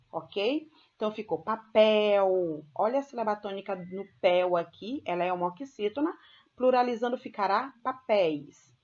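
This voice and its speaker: A woman's voice: mid-range voice, highs cut off. Patient Brazilian woman teacher. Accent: Brazilian Portuguese. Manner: patient, explains step by step, checks in with "tá?" and "ok?". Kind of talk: recorded classroom lesson.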